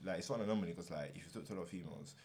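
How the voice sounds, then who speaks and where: Deep-voiced young London roadman chatting. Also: very fast, darkish tone, slight background noise. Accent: London, multicultural urban roadman slang. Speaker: podcast host. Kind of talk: casual chat.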